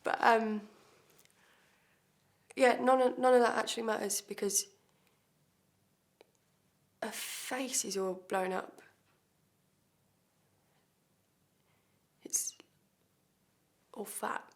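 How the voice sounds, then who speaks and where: A woman's voice: a little high, slow pace, long pauses. A woman acting a blunt, defiant woman, confessing under questioning in a swearing, hesitant self-tape monologue. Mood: bitter. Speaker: actor.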